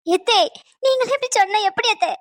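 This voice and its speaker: A woman voicing an emotional young daughter-in-law in a cartoon, pleading and shrill. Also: fairly quick, dry recording, studio quality. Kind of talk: cartoon voice acting.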